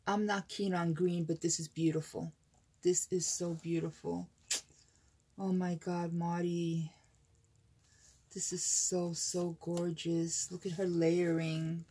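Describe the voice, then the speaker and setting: A woman's voice: lowish voice, level tone, slow pace, mellow, husky. A woman hosting a craft unboxing vlog, gushing and exclaiming over each item she shows. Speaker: craft channel host.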